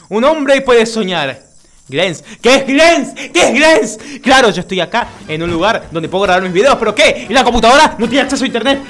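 A man commentating as he plays a video game. He gets frustrated, swears and yells at the game, and the room he records in has an echo. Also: very high voice. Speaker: YouTuber playing a video game. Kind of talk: let's-play gaming commentary.

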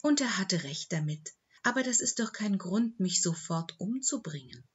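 A woman reading the voice of a calm, loyal old female dog in an audiobook, speaking in a soothing, matter-of-fact way with a slightly husky tone. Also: mid-range voice, normal speed, muffled recording. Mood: reproachful.

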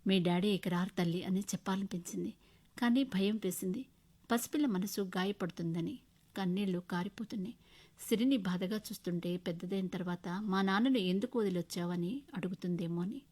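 A woman narrating a short story in the first person with emotional, expressive storytelling. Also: medium pitch, fairly quick, husky.

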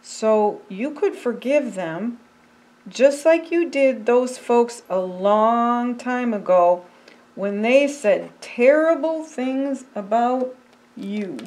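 Seated indoors by a fireplace, an older woman who is a pastor reads a children's picture book aloud. Her fairly high voice moves in a deliberate, expressive storytelling style.

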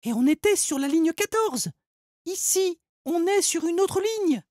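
A man voicing a clever, level-headed young girl adventurer in a children's audio story, reasoning things out quickly. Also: very high voice, expressive, a little mellow, no room sound, studio quality, pitched above the performer's own voice. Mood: explaining.

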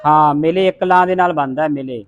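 A Gurbani pronunciation teacher with a Punjabi accent leads a classroom recitation lesson, sounding out the letters of scripture words for the group to repeat. His voice is a little high and a little fast, and the audio has phone-quality sound.

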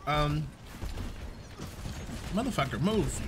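A male streamer chats and swears while he games, greeting viewers between bits of a story. His voice sits a little high and swings widely in pitch. A steady layer of noise runs under the recording. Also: takes it slowly. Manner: animated, swears freely, greets chatters mid-story. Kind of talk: casual live-stream chat while gaming.

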